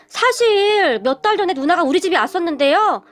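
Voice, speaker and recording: A woman's voice: very high-pitched, animated, fairly quick. A woman voicing an exasperated young husband who sighs and complains. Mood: explaining. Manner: exasperated, sighing.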